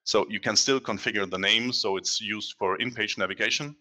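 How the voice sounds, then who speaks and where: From a dim room in front of a large screen, a German presenter in his thirties gives an online meetup a casual software demo through a headset mic. His lowish voice carries a forceful tone and fairly even intonation, and he speaks in a conversational way with frequent "um" pauses and self-corrections.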